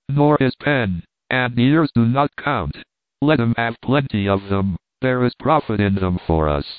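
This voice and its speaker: A man giving an even, wry, unhurried audiobook reading of essays. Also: medium pitch, clear, resonant tone, dry recording. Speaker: reader. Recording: dry, tinny phone-like sound.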